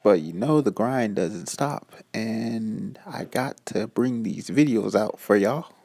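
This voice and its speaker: A man's voice: lowish voice, expressive, slow, gravelly, warm tone, no echo. A man with a groggy morning voice, hosting a casual, slangy reaction commentary on videos. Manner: laid-back slangy chat.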